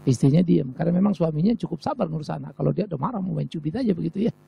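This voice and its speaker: Male pastor, high-pitched, heavily gravelly, emphatic sermon delivery. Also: lively intonation, rapid-fire, highs cut off, a little hiss or hum. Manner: emphatic, rhetorical repetition. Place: church service.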